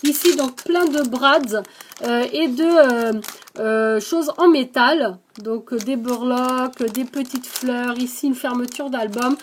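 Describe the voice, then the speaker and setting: A woman who hosts a scrapbooking channel casually shows off craft mail she received and thanks the senders. She has a non-native French accent, a high voice and a slow pace, and chats with lots of hesitations and "donc," against a little hiss or hum.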